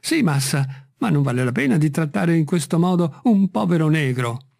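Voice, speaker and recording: A man's voice: fairly high pitch, big pitch swings, normal speed, creaky, darkish tone. A man voicing an old, simple, fearful male servant in an audiobook reading, with an eager, pleading manner.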